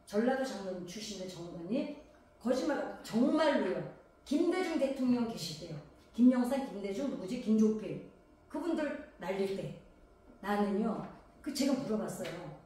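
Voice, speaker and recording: A woman's voice: medium pitch, big pitch swings, normal speed, warm tone. A woman from Gangwon Province, South Korea, preaching a sermon in a conversational way, firing rhetorical questions at the congregation. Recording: very echoey hall, voice from a distance.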